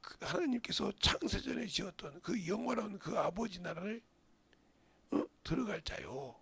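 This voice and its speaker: Middle-aged male pastor, high gravelly voice, impassioned sermon with call-outs to the congregation. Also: animated, normal speed. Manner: impassioned preaching, rising to loud outbursts; asks the congregation questions, interjects "어?".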